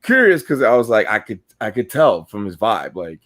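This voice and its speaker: Low-voiced profane New storyteller. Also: male voice, moderate pace. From New York. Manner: profane, rambling, animated storyteller. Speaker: podcast co-host. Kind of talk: casual storytelling chat.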